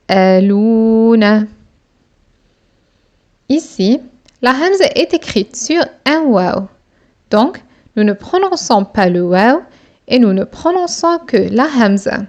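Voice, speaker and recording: Very slow, deliberate woman teacher. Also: on the high side, a little mellow. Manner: slow, deliberate, sounding out each syllable. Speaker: Quran reading teacher. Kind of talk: syllable-by-syllable reading lesson.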